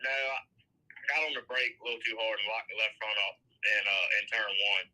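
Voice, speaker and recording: A young man, a race car driver, phoning into a show on speakerphone, talking haltingly with many fillers. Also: on the low side, bright, forceful tone, rough recording. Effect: heard over a phone on speaker. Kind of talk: phone-in interview.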